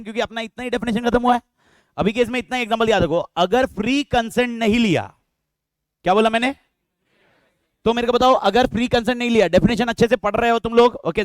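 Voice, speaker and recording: Guy with a high voice teaching a law class online, keeps throwing questions back at the students, dry close sound. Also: no room sound. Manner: bantering, quizzes students with repeated questions. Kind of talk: online lecture.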